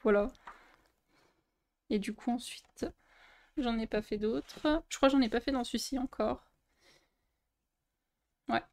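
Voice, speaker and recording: A woman's voice: a little high, unhurried, pauses often, a little mellow. A young woman, chatting casually in a vlog as she shows her coloring books, with many fillers and restarts. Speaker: coloring book youtuber. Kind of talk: casual show-and-tell vlog.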